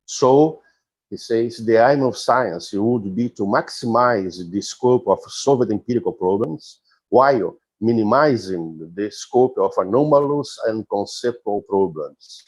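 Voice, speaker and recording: A man giving an academic conference lecture, deliberate and explanatory, often halting and restarting his phrases. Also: on the low side, a little mellow. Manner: halting, with frequent restarts and fillers. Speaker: philosophy professor giving a talk.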